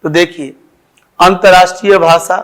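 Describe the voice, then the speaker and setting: A man's voice: sits high, steady tone, a bit bright. A man with an Indian accent teaching a school grammar lesson, explaining step by step and drawing out his example phrases. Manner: slow, deliberate explaining with drawn-out example phrases.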